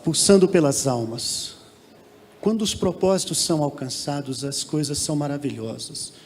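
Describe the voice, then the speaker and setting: A man's voice: on the high side, normal speed, a little mellow, a little hiss or hum. A man preaching a sermon into a handheld microphone, building to fervent prayer. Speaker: pastor. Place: large church hall. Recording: reverberant church hall with faint ambience.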